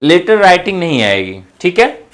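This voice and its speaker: This male teacher, whose voice sits high with wide pitch swings at a normal speed, runs an online exam-prep class. He poses questions and answers them himself, repeats key terms for emphasis, and speaks to his students as companions.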